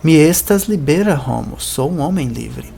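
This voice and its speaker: A man teaching an Esperanto lesson, reading example sentences slowly and translating them. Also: fairly high pitch, animated, creaky, mellow, a little hiss or hum. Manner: explanatory, slow careful pronunciation of example words.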